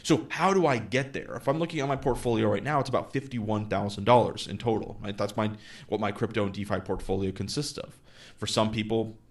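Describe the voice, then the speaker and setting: An investing channel host in his thirties gives a casual explainer monologue in a low, gravelly voice at a brisk pace. He's conversational, thinking aloud with fillers and restarts, and acts out his dialogue with clients in quotes.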